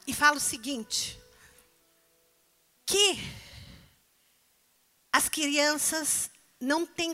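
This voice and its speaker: A woman's voice: high-pitched, bright, forceful tone. A woman preacher delivering a sermon, pressing the congregation with emphatic rhetorical questions.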